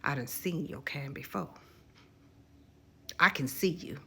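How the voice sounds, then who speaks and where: A woman voicing a stern, protective old grandmother who barks blunt, drawn-out orders in a low, husky voice. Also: bright, forceful tone, heavily acted. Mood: scornful.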